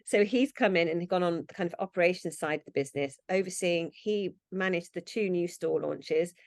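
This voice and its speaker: Woman, low-ish voice, dry close mic; chatty founder telling her story. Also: normal speed, a little mellow, no echo. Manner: chatty, acts out quoted thoughts. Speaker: brand founder, podcast guest. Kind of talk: casual interview chat.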